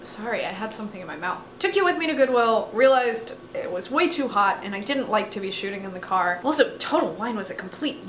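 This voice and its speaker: A woman's voice: mid-range voice, expressive, fairly quick, hardly any pauses, a bit bright. Young woman rambling casually in her living room, lots of like, bit of room echo and faint background hum. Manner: chatty and self-mocking, many "like" fillers. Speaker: vlogger. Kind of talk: casual vlog chat.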